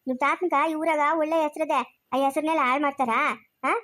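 A woman acting out a sharp-tongued old village grandmother from a comic family skit, fiercely protective and always ready to quarrel. She speaks with a rural Chikkaballapur Kannada accent. The voice is very high and rattles along at a brisk clip. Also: steady tone. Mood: coaxing. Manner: quarrelsome, scolding, fast-talking. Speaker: skit actor.

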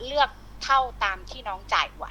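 Bright-voiced northern Thai woman on a call. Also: mid-range voice, expressive, low-quality recording. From Lampang, northern Thailand. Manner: polite, soft-spoken, quick to laugh. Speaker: insurance agent, guest. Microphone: phone on an online call.

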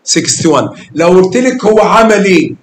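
A man's voice: sits high, lively intonation, brisk. A man with an Egyptian Arabic accent teaching math to a class of children, coaxing them with questions and calling pupils by name with endearments. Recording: echoey classroom.

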